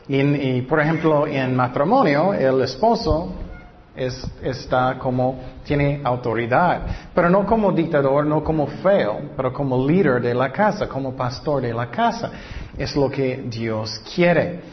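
A male preacher giving a sermon, reading Scripture slowly and then asking his listeners questions that he answers himself. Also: mid-range voice, slight background noise. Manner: reads Scripture slowly and deliberately. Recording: dull lo-fi recording.

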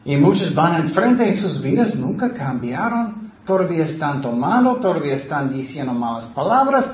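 A man preaching a sermon in Spanish with passion, speaking loudly and swinging between sudden rises and drops, his phrasing slightly broken. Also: fairly high pitch, very animated, moderate pace. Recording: roomy, slightly dull sound.

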